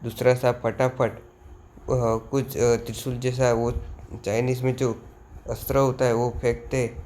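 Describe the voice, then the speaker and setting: A man casually retelling a manga story in a halting way, correcting himself as he goes. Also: mid-range voice, a little hiss or hum. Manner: flat, halting retelling with fillers and self-corrections. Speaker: manga explainer.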